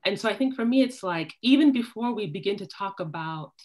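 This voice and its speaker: A woman's voice: medium pitch, lively intonation, a little fast, darkish tone. Woman panelist who keeps asking "right?". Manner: thoughtful, tags points with "right?". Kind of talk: academic panel discussion. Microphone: laptop video call.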